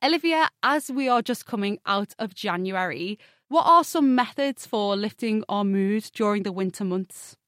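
A woman presenting a science podcast as host, with a bright, curious and upbeat delivery. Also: medium pitch, lively intonation, moderate pace, no room sound, clean studio sound.

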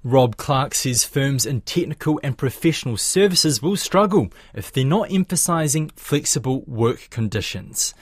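A man's voice: mid-range voice, animated, unhurried, few pauses, breathy edge, dry recording, clean studio sound. A man presenting scripted business news on the radio and putting questions to guests. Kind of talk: scripted news reading and interviewing. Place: dry studio.

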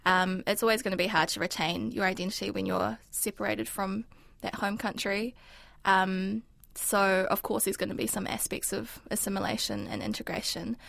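A woman in her twenties from New Zealand, whose language was Mandarin, speaks in a medium-pitched, expressive voice that is creaky and a bit bright, at a moderate pace. As an interview guest, she reflects thoughtfully in casual conversation with frequent ums, and the recording is dry.

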